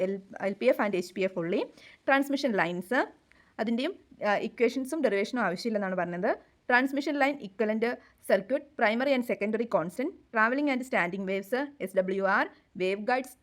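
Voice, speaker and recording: Woman, exam coach, higher voice, slow unhurried reading of topic lists with brief asides. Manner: reads technical terms in English, comments in Malayalam. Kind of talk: reading out a syllabus list.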